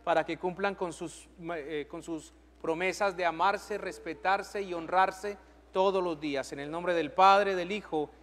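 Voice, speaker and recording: A priest with a high, light voice addresses his congregation in a large church sanctuary. He moves between formal prayers and brisk, friendly announcements and blessings. Long reverb trails every phrase. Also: steady tone, fairly bright tone. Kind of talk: leading Mass and giving announcements. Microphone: far camera.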